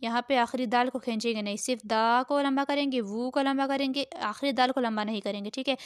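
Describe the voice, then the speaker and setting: A woman teaching Quran reading, spelling each word out syllable by syllable in a slow, drawn-out way, then adding short explanations. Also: on the high side, smooth, no room sound, studio quality. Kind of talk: slow spelled-out recitation lesson.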